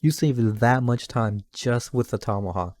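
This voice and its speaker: A man's voice: mid-range voice, moderate pace, darkish tone. A man talking casually as a streamer reacting to a video, rambling and repeating himself. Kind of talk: casual live reaction commentary.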